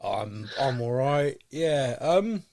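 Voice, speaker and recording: A man's voice: medium pitch, animated, slow, darkish tone. A British man hosting a podcast in casual chat, with a rambling, wry, self-deprecating way of talking. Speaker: podcast host.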